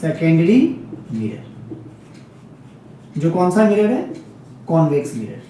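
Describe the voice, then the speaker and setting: This physics teacher, a man, prepares his class for exams by repeating the essentials and checking in with students often. His voice is on the high side and mellow, very animated yet slow, captured from a distance with heavy reverb and slight background noise.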